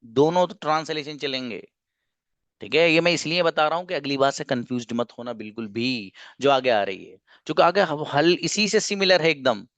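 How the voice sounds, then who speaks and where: A man's voice: a little high, lively intonation, moderate pace, a bit bright, dry recording. A man teaching an English grammar lesson to a class, explaining in a playful way and acting out little mock dialogues.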